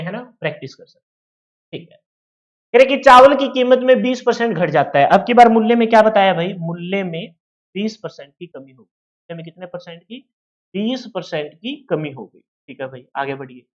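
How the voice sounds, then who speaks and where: A man's voice: high-pitched, muffled recording. A man with a Haryanvi-tinged Hindi accent teaching an exam-prep maths lesson, explaining with everyday shop scenarios and asking his students questions.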